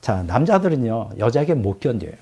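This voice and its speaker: A man's voice: mid-range voice, fairly quick, slightly rough. A male pastor preaching a storytelling sermon who keeps putting questions to his congregation. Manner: animated, addresses the congregation with questions.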